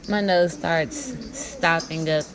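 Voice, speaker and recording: A woman's voice: sits low, fairly even intonation, slow pace, background noise. A woman narrating her own food challenge video in a laid-back, chuckling way. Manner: laid-back, chuckling, talks with mouth full. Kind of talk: casual voice-over commentary.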